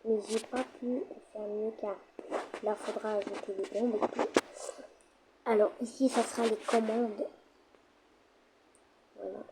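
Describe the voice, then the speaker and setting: A woman giving casual, hesitant commentary over a block-building game, with frequent fillers and pauses while she thinks. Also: medium pitch, steady tone, heavy background noise. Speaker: gamer.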